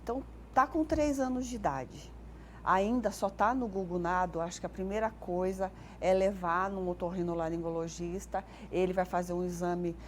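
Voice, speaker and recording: A woman's voice: lowish voice, steady tone, normal speed, slight background noise. A Brazilian speech therapist, a woman, guesting on a TV morning show and explaining child speech development, animatedly acting out sounds. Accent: Brazilian Portuguese.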